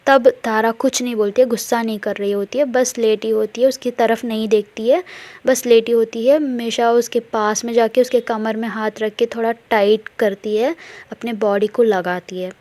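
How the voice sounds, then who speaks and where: A woman's voice: a little high, fairly even intonation, moderate pace, a little mellow, no room sound. Chatty woman storyteller. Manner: chatty, repetitive, mixes English words. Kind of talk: casual spoken story narration.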